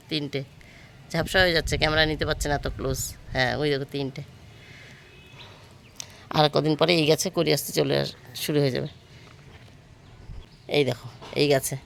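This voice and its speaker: A woman's voice: lowish voice, creaky, a bit bright. Lady in her 30s doing a chatty home vlog on her phone, faint house noise behind. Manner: chatty, addresses viewers as friends while doing chores. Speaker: vlogger. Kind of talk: casual daily-life vlog narration. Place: home rooftop garden and kitchen.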